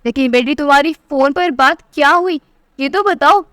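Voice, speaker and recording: A woman's voice: high voice, normal speed, a bit bright, dry recording, clean studio sound. A woman voicing an indulgent mother who speaks in a soothing, coaxing way.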